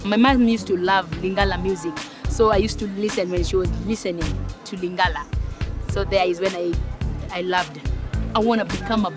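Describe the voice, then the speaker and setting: A woman's voice: mid-range voice, normal speed, over music. A woman from Kenya, an audition contestant, speaking in an earnest, direct way outdoors.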